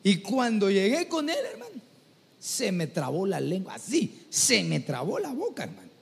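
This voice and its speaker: A man's voice: high voice, huge pitch swings, moderate pace, creaky. A man preaching a sermon, telling stories animatedly and often calling listeners brother. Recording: long hall reverb.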